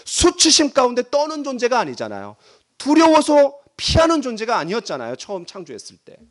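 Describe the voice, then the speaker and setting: Male pastor preaching in church, high animated voice, dramatic delivery. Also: fairly quick. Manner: dramatic, acts out voices in quotes. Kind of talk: sermon. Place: church sanctuary.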